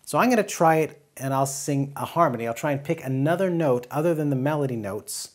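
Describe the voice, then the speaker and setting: A middle-aged man and music educator, explaining things step by step in a relaxed teaching chat. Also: a little high, a little fast.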